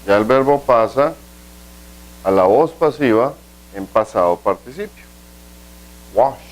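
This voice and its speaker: A man's voice: mid-range voice, lively intonation, rough recording. Patient male teacher explaining grammar. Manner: explains step by step, asks rhetorical questions, slows down for example sentences. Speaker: English teacher. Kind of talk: video grammar lesson.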